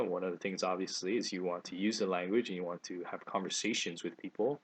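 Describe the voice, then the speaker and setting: A man speaks in a very low voice. He teaches in a relaxed, casual way, slowing down to say each phrase twice. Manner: relaxed, repeats phrases slowly and clearly. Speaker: language teacher. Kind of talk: casual video lesson.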